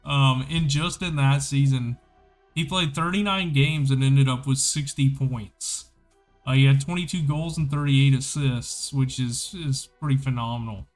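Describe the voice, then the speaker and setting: A man's voice: medium pitch, measured pace, soft background music. A man hosting a casual hockey podcast on a livestream, chatty and enthusiastic, rambling as he goes. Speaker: podcast host.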